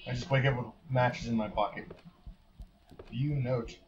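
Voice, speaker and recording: A man plays a horror game and casually comments on it, thinking aloud in wry, muttered remarks typical of let's play commentary. His medium-pitched voice is fairly even and a little slow. The lo-fi mic sounds slightly dull, with faint hiss.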